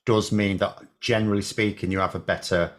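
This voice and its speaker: A man's voice: lowish voice, steady tone, a little fast. Man, casual discursive co-host. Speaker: talk show co-host. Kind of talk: casual chat.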